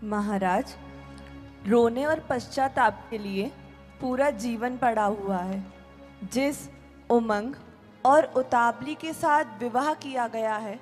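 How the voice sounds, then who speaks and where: Brief: woman acting measured minister, slow and respectful, hall echo. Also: on the high side. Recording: reverberant hall with background music.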